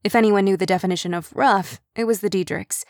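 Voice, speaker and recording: A woman reading an audiobook in scripted narration, with an even, measured delivery. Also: medium pitch, no echo, clean studio sound.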